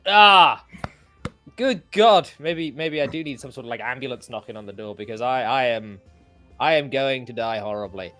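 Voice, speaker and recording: A man's voice: medium pitch, normal speed, pushed and bright, soft background music. An English man hosting a casual livestream chat, rambling and self-deprecating with many restarts. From England. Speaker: host.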